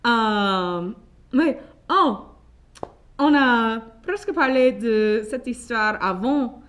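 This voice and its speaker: A woman's voice: a little high, expressive, drawn-out words, fairly bright tone. A woman in her twenties from Louisiana, speaking casually as an interview guest with a Cajun Louisiana French accent and frequent hesitations. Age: 20s. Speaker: interview guest, French studies graduate student.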